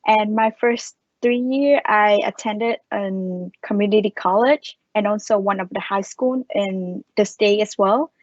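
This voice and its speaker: A woman's voice: mid-range voice, measured pace, few pauses, no room sound, muffled recording. Young woman, dry sound. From Vietnam. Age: young adult. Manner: plain, slightly broken English. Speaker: engineering student ambassador. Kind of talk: self-introduction on a panel.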